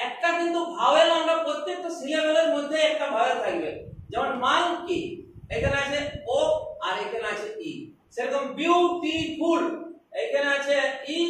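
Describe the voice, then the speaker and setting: A woman's voice: high-pitched, a little hiss or hum. A woman teaching young children English, patiently stretching words out syllable by syllable. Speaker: primary school English teacher. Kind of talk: classroom lesson explanation. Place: classroom. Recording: echoey classroom, recorded from a distance.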